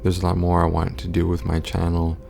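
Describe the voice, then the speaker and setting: A man speaks in a hushed, quiet late-night voice, as if others are asleep nearby. His tone is dark and mellow, with heavy creak and a flat, stoic delivery. It is a casual vlog update to viewers. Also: a little fast, soft background music. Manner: hushed, low talking, as in a quiet house at night. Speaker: content creator.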